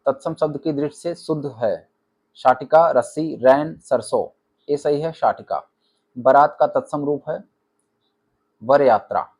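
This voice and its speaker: A man's voice: mid-range voice, husky. A man teaching an exam-prep class, reading out multiple-choice options and then stating which one is correct. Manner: reads options, then states the answer flatly. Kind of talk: rapid-fire quiz answer walkthrough.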